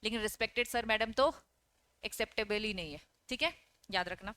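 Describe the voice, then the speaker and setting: A woman's voice: medium pitch, fairly quick, bright, forceful tone, dry recording. A woman teaching an exam-prep lecture. She reads English lines from the text, explains them, and keeps asking her students questions and answering them herself. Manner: checks in often with "okay?". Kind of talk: online lecture.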